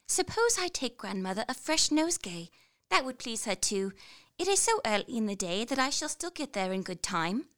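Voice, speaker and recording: Woman doing a polite little girl, high, animated, earnest. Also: moderate pace. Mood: musing. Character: sweet innocent little girl.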